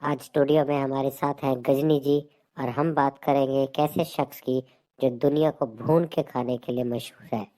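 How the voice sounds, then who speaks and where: A man's voice: mid-range voice, steady tone, moderate pace, mellow. A man hosting a comedy joke channel, telling jokes and playing out comic sketches. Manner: jokey storyteller. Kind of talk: comic skit narration and dialogue.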